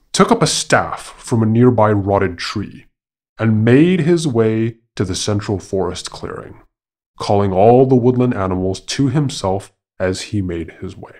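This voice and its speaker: Man, low voice, podcast storyteller, scripted fable narration, deliberate, formal. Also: darkish tone.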